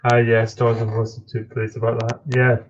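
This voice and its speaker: A Scottish man chatting casually on a live stream, answering viewers in a halting way with frequent ums and restarts. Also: mid-range voice, completely flat delivery, a little hiss or hum. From Scotland. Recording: dull lo-fi stream audio.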